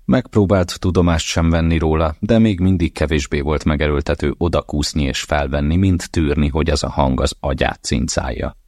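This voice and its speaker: A man with a very deep voice narrates an audiobook in a steady, measured way. The recording is dry and close, with no room sound. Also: no echo. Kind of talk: scripted narration.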